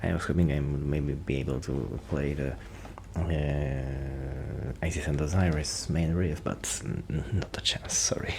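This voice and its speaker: Playing a musician friend in an ASMR roleplay, a man with a rumbling low voice speaks softly, occasionally near a whisper, at a measured pace with fairly even intonation. His casual rambling is shy, hesitant and apologetic, and background noise is clearly present.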